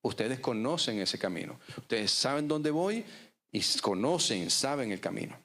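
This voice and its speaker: A man, preaching a sermon as pastor, with dramatic pauses. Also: medium pitch, very animated, a bit bright. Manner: preaching with dramatic pauses, acting out voices in stories.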